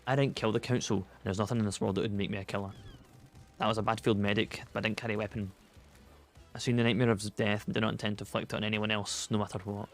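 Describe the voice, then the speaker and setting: A man's voice: fairly low pitch, little pitch movement, fast talker, faint music behind, natural voice. A man voicing a stern male doctor and former battlefield medic, speaking firmly in a Scottish accent, read from game dialogue. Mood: defensive. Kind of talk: reading game dialogue aloud.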